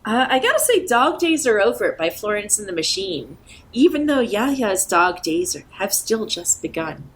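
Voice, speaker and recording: A woman's voice: medium pitch, sing-song, moderate pace, slight background noise. Bubbly playful female guest. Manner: bubbly, playful, laughs easily. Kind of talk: casual chat.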